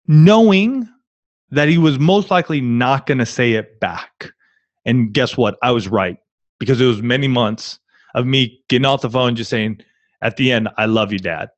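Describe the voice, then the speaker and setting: A man's voice: mid-range voice, normal speed, no room sound. An earnest man co-hosts a live online marriage coaching session and tells personal stories, often restarting his words. The sound is dry, with no room in it. The audio is a little dull, like a video call. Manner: earnest, storytelling, repeats words.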